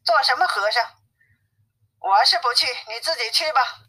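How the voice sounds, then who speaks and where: A woman reading the lines of a proud, carefree male monkey king in an audiobook story, in a brisk, offhand manner. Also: on the high side, animated, pushed and bright, poor audio.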